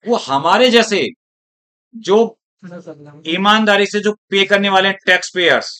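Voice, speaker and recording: Man, teacher, classroom lecture, rhetorical, checks in with students, slightly high voice. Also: unhurried, pushed and bright, clear, resonant tone. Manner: rhetorical, asks students if they follow.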